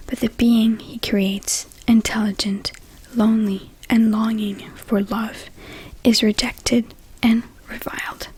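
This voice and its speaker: A woman in a whispered ASMR role-play as a librarian, whispering softly and a little hesitantly as if to a visitor in a library. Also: on the high side, breathy edge, poor audio. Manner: soft whispering, hesitant, gently attentive to an imagined visitor.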